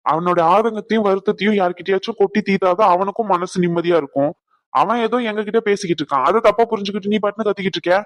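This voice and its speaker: A man voicing an anxious young man in a cartoon who tries to smooth things over, talking in a pleading, fretful way. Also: high voice, very fast, dry recording, close to an everyday voice. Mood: chiding. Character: anxious young man, peacemaker, easily flustered. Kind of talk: cartoon voice acting.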